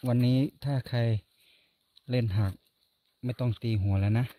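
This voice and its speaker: A man making short, low-key remarks in casual chat while foraging for mushrooms in a forest. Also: fairly even intonation, normal speed, mellow. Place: forest outdoors.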